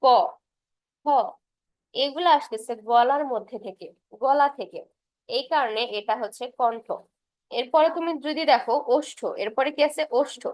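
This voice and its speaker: Young woman tutor, casual exam lesson, patient and repetitive, highish voice. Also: normal speed, a little mellow, no room sound. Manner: patient, repeats terms, drawing while explaining. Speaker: tutor for university admission exams.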